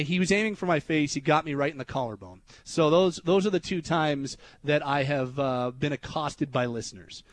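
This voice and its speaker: A young adult man hosting a radio show, telling a story in an animated way that turns loud and high when he retells his anger. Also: dry recording. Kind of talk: casual storytelling on talk radio. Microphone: studio microphone.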